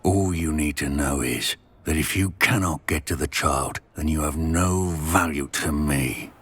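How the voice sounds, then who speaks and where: A cold goblin rebel leader for a fantasy game. The voice is extremely low and husky, with gravel in it. Every threat is dragged out slowly and with command. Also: male voice, fairly bright tone, heavily acted. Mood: cold menace. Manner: slow, threatening.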